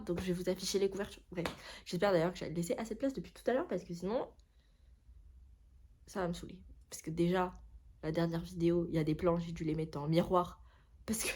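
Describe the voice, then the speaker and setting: A young woman talking casually about books in a vlog, rambling, chatty and often correcting herself. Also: mid-range voice. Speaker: book vlogger. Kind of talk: casual chat.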